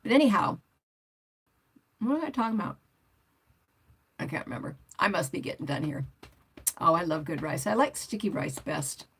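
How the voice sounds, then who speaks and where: This older woman, a motorcycle vlogger, speaks in a fairly low, sing-song voice that's fairly bright and slightly rough, pausing often at a moderate pace. On her laid-back livestream she chats away, reading and answering viewers' comments.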